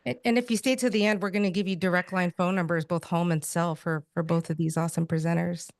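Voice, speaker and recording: A woman's voice: fairly low pitch, fairly even intonation, fast talker. A woman hosting a business webinar, upbeat and playful, joking with her guests. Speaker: webinar host.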